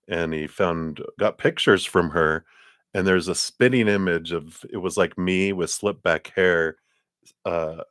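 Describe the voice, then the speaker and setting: With a low but fairly bright voice, this man runs a tarot livestream, mixing loose, easygoing chatter with card readings. He laughs a lot and has a tickle in his throat. The audio is studio quality, with no echo.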